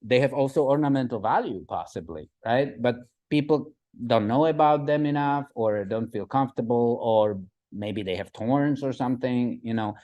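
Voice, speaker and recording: A man in his forties from the Republic, giving a slide talk as a guest speaker, halting with fillers and often asking "right?". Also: mid-range voice, dark tone. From Czech Republic. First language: Czech. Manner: halting, many fillers and restarts, asks "right?". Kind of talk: presentation with slides.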